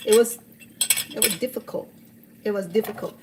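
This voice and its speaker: Speaking at a moderate pace with a medium-pitched voice, a woman in her sixties from Cambodia hosts a cooking video amid background noise. Her Cambodian accent carries a heartfelt, earnest account of her story, broken by many restarts.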